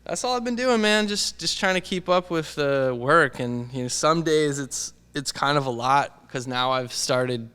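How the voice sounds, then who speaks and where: Bright, clear-voiced man chatting in long reverb. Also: on the high side, a little slow, hardly any pauses. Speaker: podcast co-host; video editor. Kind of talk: casual chat. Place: indoors.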